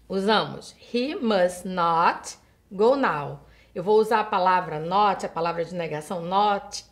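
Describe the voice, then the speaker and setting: Brazilian woman teaching over slides. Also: fairly high pitch. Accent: Brazilian Portuguese. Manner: slows right down to spell out example sentences; addresses the student directly with checking questions. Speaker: English teacher. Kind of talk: recorded video lesson over slides.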